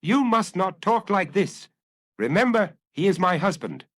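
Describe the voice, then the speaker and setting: A man voicing a dignified married actress who speaks quietly and firmly. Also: high voice, expressive, a little slow, no echo, studio quality, pitched above the performer's own voice. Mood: hushing firm. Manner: quiet, silvery, firm. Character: dignified actress wife, calm, cool, steely.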